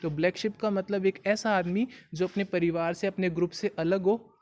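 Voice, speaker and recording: A man's voice: sits high, fairly even intonation, normal speed, darkish tone. A man with a Hindi accent teaching English idioms in a video lesson, explaining patiently and asking the viewer questions.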